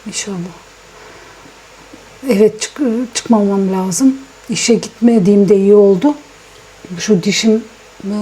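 A woman chatting casually to her viewers at home in a daily vlog, ill with a swollen sore throat and talking softly. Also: mid-range voice, breathy edge. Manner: chatty, rambling, talks softly. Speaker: vlogger. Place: at home, indoors. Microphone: small vlogging microphone.

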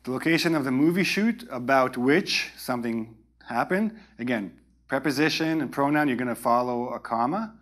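A man in his forties giving an instructional grammar lecture as a teacher, explaining step by step with emphatic pauses and check-in tags. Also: fairly high pitch, a bit bright. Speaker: English writing teacher.

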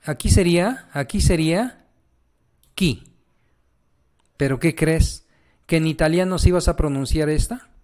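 A man's voice: fairly high pitch, moderate pace, darkish tone. A man teaching a pronunciation lesson, patiently repeating each sound and checking in with the learner. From Mexico. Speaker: language teacher.

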